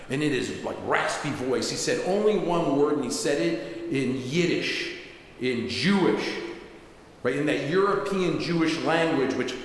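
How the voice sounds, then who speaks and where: Storytelling rabbi in echoey sanctuary. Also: male voice, fairly high pitch. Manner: conversational, with asides. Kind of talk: sermon storytelling. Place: synagogue sanctuary. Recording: echoey synagogue hall, faint hiss.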